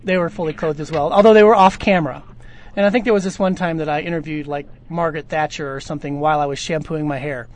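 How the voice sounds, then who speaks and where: A man's voice: a little high, fairly even intonation, fast. A man answering listener questions in a casual chat, rambling through long stories with lots of fillers and restarts. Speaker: audio drama producer. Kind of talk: casual podcast Q&A.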